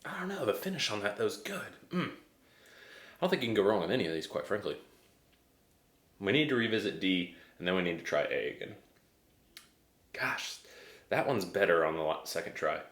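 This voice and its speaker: Deep-voiced American man thinking aloud. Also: sing-song, a little fast, pauses often, fairly bright tone, roomy sound. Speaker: whiskey reviewer. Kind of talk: casual tasting review chat.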